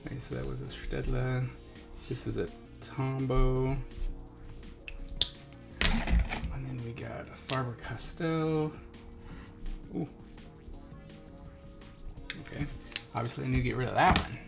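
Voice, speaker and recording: A mid-range, gravelly voice with lively intonation belongs to this art supply review host, who speaks slowly and pauses often. He reviews a product hands-on in a casual way, thinking aloud and repeating himself, over background music.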